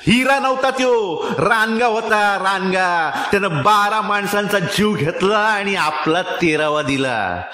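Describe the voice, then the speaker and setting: A man voicing a bitter village boatman who shouts in raw anger, in an echoey room. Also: sits high, measured pace, hardly any pauses, voice pushed up. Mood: furious. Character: furious old village boatman.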